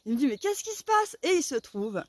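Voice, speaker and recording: A young woman vlogger telling a story in casual, slangy speech, excitable and animated, acting out her own shouts. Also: sits high, fairly quick, dry recording, studio quality.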